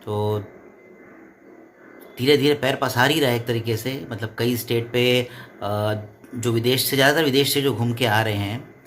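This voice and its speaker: A man's voice: mid-range voice, measured pace, fairly bright tone, a little hiss or hum. Earnest rambling man chatting at home. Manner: rambling, earnest, explains at length with restarts. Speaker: vlogger, co-host. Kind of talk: casual home chat. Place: living room at home.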